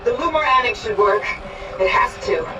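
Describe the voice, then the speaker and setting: Very high, desperate crewmate, muffled. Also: male voice, lively intonation, normal speed, heavy background noise. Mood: desperate urging. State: distressed. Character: desperate, urgent injured crewmate in a sci-fi horror. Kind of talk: video game voice acting. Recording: muffled, distant, music behind.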